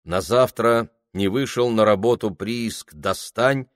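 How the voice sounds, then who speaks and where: A man narrating a story in a slow, vivid, expressive reading. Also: lowish voice, dry recording, clean studio sound. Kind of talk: dramatic audiobook reading.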